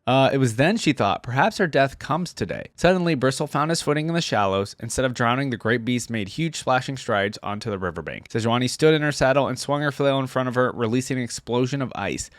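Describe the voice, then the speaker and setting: This reaction video host has a mid-range voice captured cleanly in the studio with no echo. He mixes loose, off-the-cuff commentary with reading story text and game descriptions aloud, musing as he goes.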